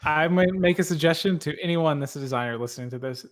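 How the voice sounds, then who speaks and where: A man's voice: fairly high pitch, quick pace. A man co-hosting a design podcast, chatting casually and speaking emphatically. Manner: opinionated, emphatic about pricing. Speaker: podcast co-host. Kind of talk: casual chat.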